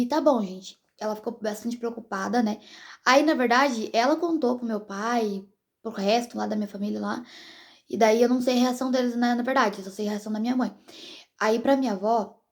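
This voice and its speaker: A woman's voice: fairly high pitch, a little fast, darkish tone. A young pregnant woman from Brazil chatting casually to her viewers as a vlogger, in a rambling, direct way.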